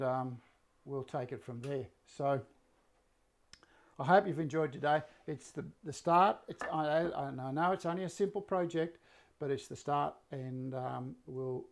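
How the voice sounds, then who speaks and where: A fixed camera frames him at mid-distance as this sixty-something woodworking teacher hosts a live stream from his shop. His medium-pitched voice is slightly croaky, and he explains the build casually, wandering off topic with many fillers and restarts.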